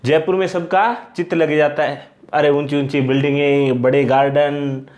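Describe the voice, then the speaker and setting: A man's voice: a little high, little pitch movement, normal speed, a little mellow. A man teaching an exam-prep lesson, repeating points and asking questions he answers himself. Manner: repetitive, explains by asking and answering itself.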